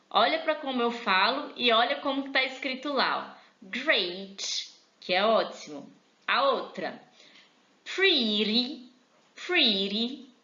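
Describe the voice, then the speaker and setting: A woman with a Brazilian Portuguese accent teaching an online English lesson, chatty and encouraging, repeating words slowly for learners. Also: medium pitch, bright, forceful tone. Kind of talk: online English lesson, explaining and drilling pronunciation. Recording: echoey room, slightly dull sound.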